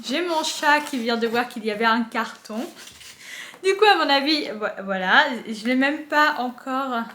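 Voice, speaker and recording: A young woman casually chatting as she unboxes books at home, gushing with excitement and using lots of fillers. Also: a little high, slight background noise. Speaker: book unboxing vlogger. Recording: echoey room.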